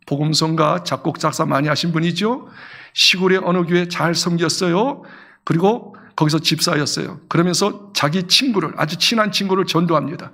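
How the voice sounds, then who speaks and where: A male pastor with a notably high voice delivers a lively sermon. He swings from loud, rising bursts to quiet, low asides. He often calls on his congregation to read along or repeat after him. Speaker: senior pastor.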